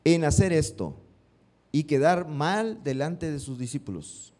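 A man with a fairly high voice preaches a little slowly, regularly pausing to quiz his congregation. His emphasis rises with animated liveliness.

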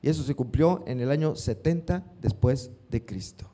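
Man, sermon, mellow tone, questions to the congregation. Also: medium pitch, normal speed. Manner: asks the congregation questions, lively rising emphasis. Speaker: preacher.

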